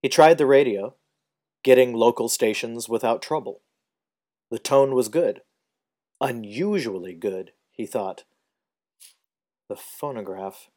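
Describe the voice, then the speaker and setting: A man narrating a story as an audiobook in a measured, steady way. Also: medium pitch.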